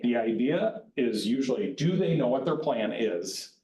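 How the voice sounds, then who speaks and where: Unhurried and mellow, a medium-pitched male voice with lively intonation walks county staff through their retirement plans. The presentation is informal, educational, and plain-spoken, recorded with the roomy echo of a county board meeting room.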